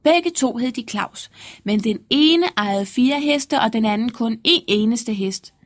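A woman's voice: fairly high pitch, expressive. Woman reading a fairy tale aloud. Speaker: narrator.

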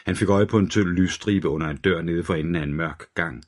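A man reading a crime thriller audiobook aloud in a steady, dark storytelling manner. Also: sits low. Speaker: audiobook narrator. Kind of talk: scripted thriller narration.

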